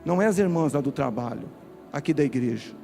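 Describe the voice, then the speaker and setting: Brazilian male pastor, mellow tone, forceful direct preaching to the congregation. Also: on the high side, animated, fast, vocal fry, faint music behind. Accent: Brazilian Portuguese. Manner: emphatic, direct, addresses listeners. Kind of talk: sermon. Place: church.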